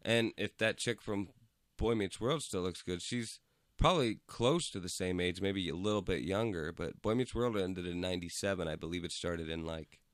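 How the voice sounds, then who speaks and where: Young male podcast host, low-pitched, dry close sound, easygoing and profane. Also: normal speed, no room sound. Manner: laid-back, swears freely, lots of "like" and "dude". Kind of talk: casual chat. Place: indoor room with cameras. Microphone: studio mic.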